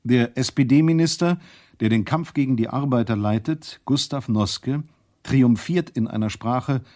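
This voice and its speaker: A man's voice: medium pitch, unhurried, a little mellow. A man reading scripted historical narration as a documentary narrator. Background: music.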